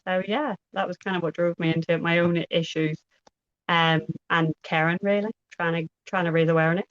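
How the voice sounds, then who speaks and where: Low, even-toned Irish woman. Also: no room sound. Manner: measured, deliberately slowed speech. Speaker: podcast guest, pelvic health physio. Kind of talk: casual podcast chat. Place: at a co-host's home. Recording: dull lo-fi sound.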